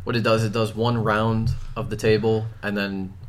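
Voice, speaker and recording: A man's voice: lowish voice, little pitch movement, moderate pace, a little hiss or hum. A man hosting a casual group chat, rambling with fillers and laughing often.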